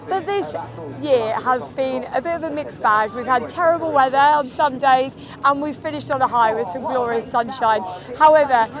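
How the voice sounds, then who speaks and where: Lady vlogging outside, high voice, crowd and music all around, bit hoarse. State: losing her voice. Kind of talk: casual piece to camera. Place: outdoor motor event. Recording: outdoor event, crowd and music behind.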